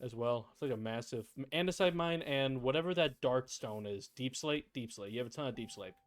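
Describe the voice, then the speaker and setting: A man's voice: medium pitch, fairly quick, soft background music. A man streaming a game, chatting casually and teasing himself with playful banter. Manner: playful, self-mocking banter. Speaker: streamer and gameplay host. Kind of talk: casual gameplay chat.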